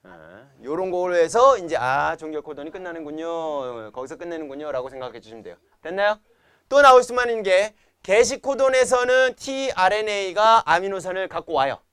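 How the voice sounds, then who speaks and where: A man's voice: sits high, expressive, fairly quick, fairly bright tone, smooth, no room sound. Korean science teacher quizzing his class. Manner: keeps quizzing students with repeated questions; playful chanting of memory tricks. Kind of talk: classroom lecture.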